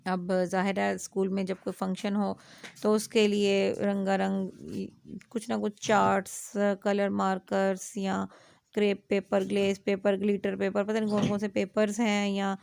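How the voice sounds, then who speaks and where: Creaky-voiced woman teaching an Urdu lesson. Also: medium pitch, completely flat delivery, darkish tone, no room sound. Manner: explains slowly, spells words letter by letter; frequent "aa" fillers, asks "theek hai?". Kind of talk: classroom lecture.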